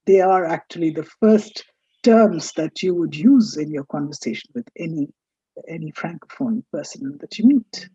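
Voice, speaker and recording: A woman teaching French in a recorded lecture, saying each letter slowly and stressing its sound. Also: sits low, animated, mellow, husky, no echo, lo-fi sound.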